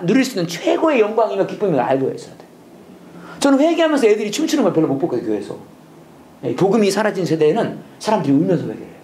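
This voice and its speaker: A Bible school teacher giving a lecture that mixes English lessons with preaching, animated and quick to laugh at their own slips. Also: mid-range voice.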